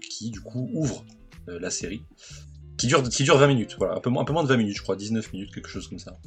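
A man's voice: fairly low pitch, animated, fast, faint music behind. A man speaking as a guest on a casual podcast, enthusiastic and full of hesitations as he recalls details. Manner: enthusiastic, lots of filler hesitations.

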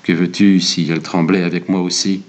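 A man's voice: deep voice, flat delivery, brisk, pitched below the performer's own voice, close to an everyday voice. A man voicing a gloomy, lanky male holidaymaker who speaks in a curt, haughty way. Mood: aloof. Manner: curt, grudging, imperious.

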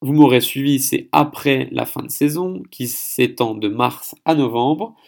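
A man from France talks alone into the mic for his podcast episode, laying out what he has found in his research. His voice has a gravelly, fry-laden edge at an ordinary middle pitch. He thinks aloud and often stops to correct himself mid-sentence. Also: measured pace. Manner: explanatory, thinking aloud with frequent self-corrections. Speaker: podcast host. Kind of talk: solo podcast monologue.

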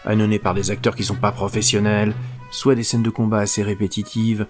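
A man's voice: fairly low pitch, level tone, a little fast, over music. A man giving a comic spoken film review in a sardonic, exasperated manner.

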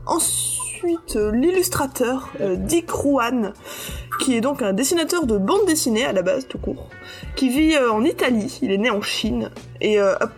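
A woman presenting her research on a podcast in a hesitant way, with many fillers and restarts. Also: fairly high pitch. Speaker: podcast co-host presenting research on comic creators. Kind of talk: casual podcast chat.

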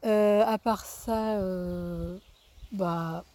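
A woman from France in her thirties leaving a casual phone voicemail from an artist residence, talking haltingly as she searches for words. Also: mid-range voice, steady tone, warm tone. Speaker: guest animation director.

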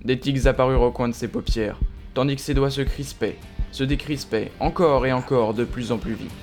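A man giving steady, understated scripted narration of an audio drama. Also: medium pitch, fairly quick, faint music behind.

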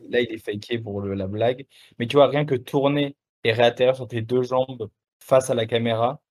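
A young adult man appears as a musician guest in a casual interview, speaking at normal speed in a mid-range voice. He's relaxed and slangy, with many fillers and restarts.

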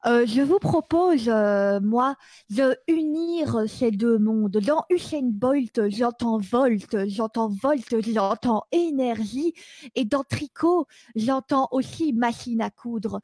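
A woman in an improvised comedy sketch voicing a grandly confident love adviser, with drawn-out pronouncements and the slurred speech of someone wearing braces. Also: fairly high pitch, lively intonation, warm tone, dry recording. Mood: grandly assured.

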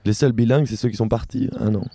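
A man's voice: fairly low pitch, quick pace, dark tone, dry recording, clean studio sound. A man from co-hosting a podcast, chatting casually and teasing, often laughing. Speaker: podcast co-host. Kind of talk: casual chat.

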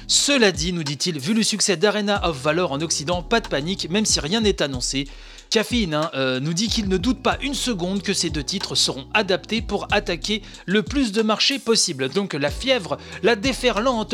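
High-voiced chatty man. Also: sharp tone. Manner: chatty, frequent filler "hein", playful asides. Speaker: podcast host. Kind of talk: video game news podcast.

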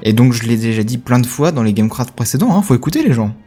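A man co-hosting a casual tech podcast, calm and matter-of-fact, holding to his view. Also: mid-range voice, quick pace, faint music behind. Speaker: podcast co-host.

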